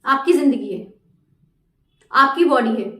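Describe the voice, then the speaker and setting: High-voiced woman giving a motivational talk. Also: animated, slow pace, fairly bright tone, echoey room, recorded from a distance. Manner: asks the listeners questions. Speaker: motivational speaker.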